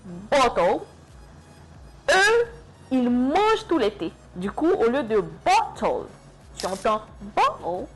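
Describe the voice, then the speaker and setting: A young adult woman teaching an English lesson in French. She speaks slowly and repeats words to model their pronunciation. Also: fairly high pitch.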